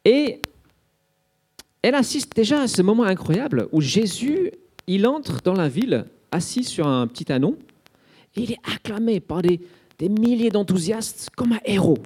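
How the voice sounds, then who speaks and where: A man's voice: sits high, big pitch swings, normal speed, darkish tone, breathy edge. A man preaching an Easter sermon, telling it as a vivid story with frequent little fillers. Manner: vivid storytelling, dramatizing the scenes; frequent fillers like "hein" and "euh".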